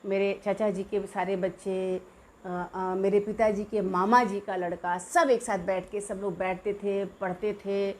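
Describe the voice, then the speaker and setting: A middle-aged woman from Bihar, telling childhood memories in a lively, animated way. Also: medium pitch, a little slow, slight background noise. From Bihar, India. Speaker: storyteller. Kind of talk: personal childhood storytelling.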